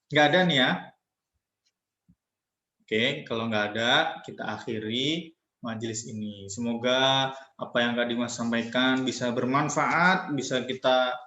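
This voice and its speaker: A man's voice: medium pitch, takes it slowly, pauses often, bright, forceful tone. A young man telling a religious story to children and drawing a lesson from it, playful and acting out quoted voices. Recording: echoey lo-fi recording.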